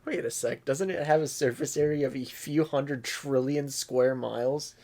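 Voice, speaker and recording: A man co-hosting a podcast in casual chat, answering in a dry, deadpan way with short replies. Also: mid-range voice, moderate pace. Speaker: podcast co-host.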